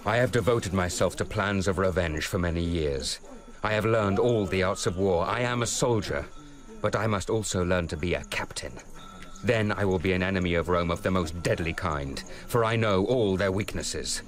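Deep-voiced young Judah Ben-Hur, played by a man. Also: lightly acted. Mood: resolute. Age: young adult. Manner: measured, earnest, formal delivery. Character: Judah Ben-Hur, resolute young wronged soldier set on revenge. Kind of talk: radio drama acting and first-person narration.

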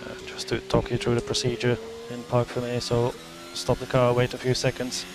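A man working as a race engineer who gives steady, instructive briefings to his driver over race car team radio. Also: mid-range voice, moderate pace. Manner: steady, instructive, flat delivery. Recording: noisy radio link.

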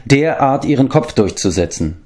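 A mild, proper old companion, gently disapproving, raised above the reader's own pitch, as a man puts him on. His storybook lines are polite and measured. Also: big pitch swings, close to an everyday voice.

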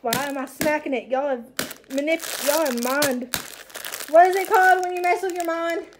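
A young woman chatting excitedly as she unpacks groceries at home, with self-mocking asides and bursts of delight. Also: sits high, moderate pace, noisy background. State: out of breath. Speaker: stay-at-home mom vlogger. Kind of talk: casual grocery haul chat. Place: home kitchen. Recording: rustling bags and clicks behind.

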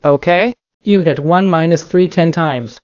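An older man lectures a bowling class in an emphatic way, repeating his points and answering his own questions. His voice sits a little high for a man. The sound is dry and dull, like a lo-fi recording of a classroom. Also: measured pace, darkish tone, no room sound. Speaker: bowling coach. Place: classroom with a projector screen.

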